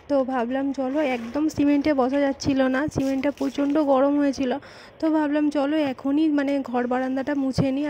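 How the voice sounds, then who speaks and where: A woman narrating a casual home vlog into her phone, chatty and repetitive, her voice a little hoarse from the heat. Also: high voice, warm tone, a little hiss or hum. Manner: chatty, repeats herself, many fillers. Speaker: vlogger. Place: home, indoors and on a veranda. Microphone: phone camera.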